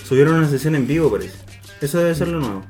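A man's voice: a little high, lively intonation, quick pace, darkish tone, soft background music. A young man with a Chilean accent, co-hosting a casual podcast chat and joking as he tells stories. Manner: joking, rambling storyteller. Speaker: podcast co-host.

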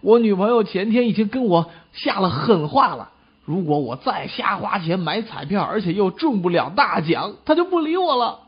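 A man's voice: high-pitched, normal speed, slightly rough. A man performing a comic crosstalk dialogue in a teasing, playful way. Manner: teasing, expressive. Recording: dull lo-fi recording.

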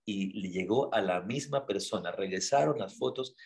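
A man hosting a casual talk show, telling stories in an animated way and asking rhetorical questions. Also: fairly low pitch, normal speed. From Ecuador.

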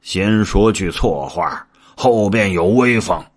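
A man's voice: low voice, lively intonation, slow, exaggerated voice. A man doing Zhu Bajie, whiny blustering pig-monk. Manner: complaining, blustering. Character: greedy clumsy pig-monk, whiny and boastful.

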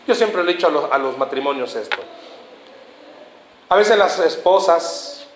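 A man's voice: a little high, animated, normal speed, a little hiss or hum. A man preaching a sermon to a congregation in a church, joking and firing questions at the listeners. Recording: roomy church hall with faint ambience.

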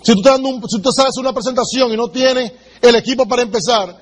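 A man with a strikingly high voice runs a sales training seminar, talking at a brisk clip. He is blunt and emphatic, turns straight to his listener and plays out little sales conversations as he goes. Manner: direct and emphatic, addresses the listener, acts out sales dialogues. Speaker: business seminar speaker. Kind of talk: motivational sales training talk.

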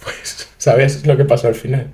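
A man's voice: mid-range voice, steady tone, moderate pace, dark tone. A young man with a Madrid accent, co-hosting a casual podcast chat and telling stories animatedly, acting out his own reactions. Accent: Madrid Spanish. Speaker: podcast co-host.

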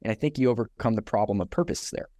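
Animated young man telling a story. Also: on the low side, fast, no echo. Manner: animated storyteller who acts out quotes, laughs often. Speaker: podcast host. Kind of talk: casual storytelling.

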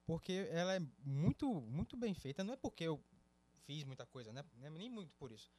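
A man co-hosting a podcast, telling a story in lively casual chat. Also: a little high, brisk. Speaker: podcast co-host.

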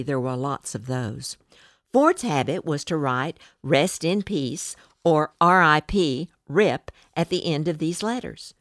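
A woman narrating a scripted history piece in a measured, deliberate reading. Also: deep voice, no echo, clean studio sound.

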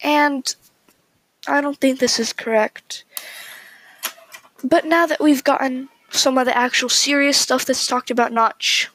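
A woman hosts a solo podcast and talks in a slow, unhurried way. Her voice sits fairly high and she is opinionated and chatty, often restarting her sentences. The recording is close and dry, with no room sound. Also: steady tone, a bit bright, dry recording, low-quality recording. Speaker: podcast host. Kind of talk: casual solo podcast talk.

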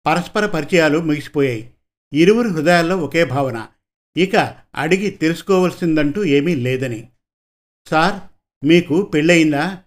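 A man's voice: on the high side, lively intonation, normal speed. Man narrating a story audiobook. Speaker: story reader.

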